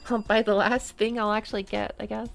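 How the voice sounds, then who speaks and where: A woman's voice: mid-range voice, little pitch movement, a little fast, creaky. A woman streaming a game, talking casually and rambling with lots of fillers. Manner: chatty, rambling, many "like" fillers. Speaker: VTuber streamer. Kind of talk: casual chat while playing a game.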